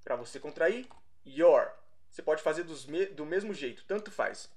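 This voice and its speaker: A young Brazilian man teaching a casual English lesson, explaining slowly, repeating himself and correcting his own slips. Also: fairly high pitch, animated. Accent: Brazilian Portuguese.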